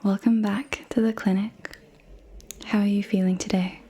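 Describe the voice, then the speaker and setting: A woman in her twenties doing a whispered ASMR role-play as a clinic practitioner, in a soft, breathy, reassuring whisper. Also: mid-range voice, level tone, moderate pace. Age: 20s. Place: indoors, small room with dark backdrop.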